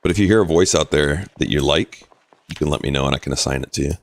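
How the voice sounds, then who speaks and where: A man's voice: a bass voice, fast talker, no room sound. A man casually commentating his game on a live stream, explaining rules and answering chat.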